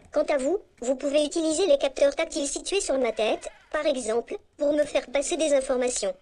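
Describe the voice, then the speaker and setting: A synthetic female text-to-speech voice speaking as a small, polite humanoid robot introducing itself in an even, scripted way. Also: sits high, moderate pace, long pauses. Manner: even, scripted self-introduction with stock phrases. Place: conference stage, robot's own speaker.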